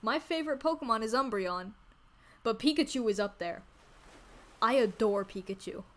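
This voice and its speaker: A woman chatting casually on a livestream in a cute anime-streamer manner, gushing and excitable, repeating phrases for emphasis. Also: medium pitch, moderate pace. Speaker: VTuber streamer introducing themself. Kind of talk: casual livestream chat about games.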